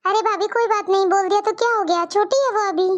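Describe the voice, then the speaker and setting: A polite young daughter-in-law from a cartoon story, voiced by a woman. She speaks in a dutiful, pleading manner. Her cartoon voice is very high and squeaky. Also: fast, highs cut off. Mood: scolding.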